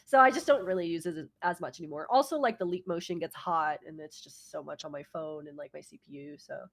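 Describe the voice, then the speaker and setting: A woman's voice: sits low, fast, fairly bright tone. A woman chatting casually as a laid-back VTuber guest in an interview, giggly and loose in her phrasing.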